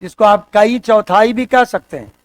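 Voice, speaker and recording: A man teaching an English lesson, going slowly and repeating key words as he quizzes his students. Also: sits high, dry recording. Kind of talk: exam-prep language lesson.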